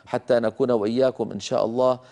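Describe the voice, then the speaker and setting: A man teaches Quran recitation in an earnest lecture, and his voice is warm and mellow. He repeats each rule and sounds the examples out slowly and carefully. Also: mid-range voice, steady tone, gravelly. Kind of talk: religious lecture on recitation rules.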